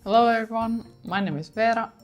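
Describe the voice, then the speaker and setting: A woman from Finland calmly explaining a home dish as a guest, in a measured, friendly way. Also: on the high side, faint music behind.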